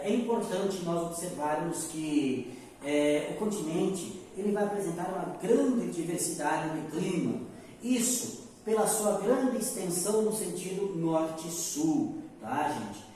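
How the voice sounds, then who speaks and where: A man's voice: fairly high pitch, lively intonation, measured pace, warm tone, a little hiss or hum. A Brazilian man teaching geography, explaining step by step and checking in with his students. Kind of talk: recorded geography lesson. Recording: echoey room, mic far off.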